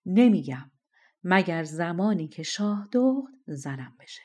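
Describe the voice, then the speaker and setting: A woman's voice: lowish voice, expressive, dark tone. A woman voicing a stubborn young shepherd. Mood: defiant.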